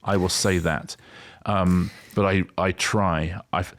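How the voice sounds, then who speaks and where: A man's voice: deep voice, fairly even intonation, slow pace. A middle-aged man co-hosting a podcast, chatting casually and wryly, rambling with frequent restarts. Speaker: podcast co-host. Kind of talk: casual chat.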